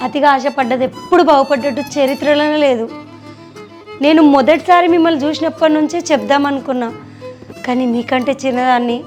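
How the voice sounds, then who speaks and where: An actress playing a frank young village wife, with an earnest, steady way of talking. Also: female voice, high voice, close to an everyday voice. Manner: earnest, consoling then confronting. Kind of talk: village comedy drama acting.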